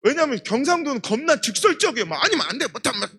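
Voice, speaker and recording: A middle-aged man preaching a revival sermon, telling stories in an emphatic, animated way. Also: very high voice, rapid-fire, breathy edge. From Chungcheong, Korea. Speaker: guest pastor.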